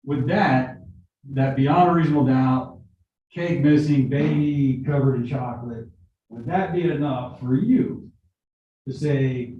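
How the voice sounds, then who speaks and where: A man's voice: medium pitch, very echoey, far from the mic. Man questioning jurors over a muffled video call. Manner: conversational, explains with examples, repeats words. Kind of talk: jury selection questioning.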